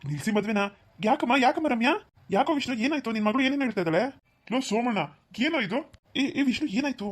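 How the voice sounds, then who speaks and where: Woman doing a bossy protective dad, husky, talks fast. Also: on the high side, expressive. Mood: firm. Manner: firm and commanding. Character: stern, protective middle-aged father of the bride. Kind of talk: cartoon voice acting.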